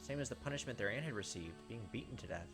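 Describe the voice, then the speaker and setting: Here a gaming channel host reads through a visual novel's narration and adds short side remarks as he goes. He has a medium-pitched voice and talks quickly and animatedly over the game's music.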